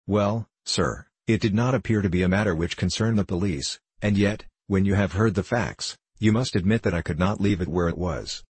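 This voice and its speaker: Brief: male reader as a pompous, indignant gentleman, low husky voice. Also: normal speed, few pauses, no echo. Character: stout, pompous, respectable older gentleman, indignant.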